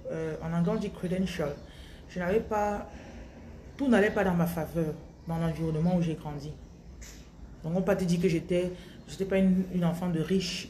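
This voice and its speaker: This is a reflective spiritual monologue by a woman in her thirties from Cameroon, whose dark voice sits on the low side and carries a Cameroonian French accent. Speaking slowly and thoughtfully with frequent restarts, she addresses her followers through a phone held close at arm's length in a small tiled room, with slight hiss or hum.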